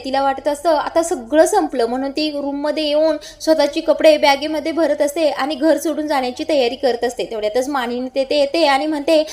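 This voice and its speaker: Narrator: woman, high voice, dramatic serial recap storyteller. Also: darkish tone. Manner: dramatic retelling, acting out every character's lines.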